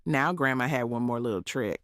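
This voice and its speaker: A woman's voice: extremely low pitch, a little fast, dry recording. Folksy Southern woman storyteller, clean dry sound. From southern United States. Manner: homespun, preachy storytelling with folksy asides. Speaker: storyteller sharing cooking wisdom. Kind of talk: scripted folksy narration.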